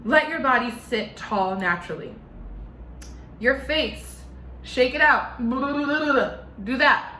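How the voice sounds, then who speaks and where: A woman's voice: fairly high pitch, expressive, takes it slowly, pauses often, sharp tone, echoey room, a little hiss or hum. A young woman with a slight lisp teaching an online singing lesson from her living room, giving step-by-step instructions.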